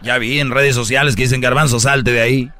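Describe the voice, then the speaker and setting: A man's voice: medium pitch, fairly even intonation, fairly quick, pushed and bright. A man with a Mexican Spanish accent hosting a radio show, telling news stories with teasing, slang-heavy banter.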